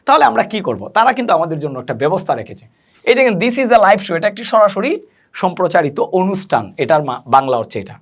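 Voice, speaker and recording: A man teaching a spoken English lesson. He explains slowly, spells words out and answers his own questions. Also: on the high side, sing-song, breathy edge.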